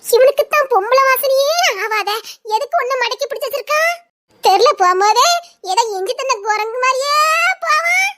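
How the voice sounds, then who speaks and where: A woman's voice: extremely high pitch, expressive, moderate pace, pushed and bright, exaggerated voice. A woman voicing a fretful young village girl in a half-saree, muttering frantic asides and mocking. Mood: mocking rant.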